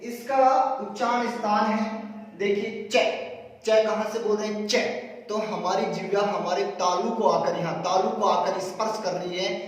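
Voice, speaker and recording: A man's voice: high-pitched, fairly even intonation, moderate pace. A man teaching a classroom grammar lesson, methodical, repeating terms and sounding out examples aloud. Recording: echoey hall, recorded from far off.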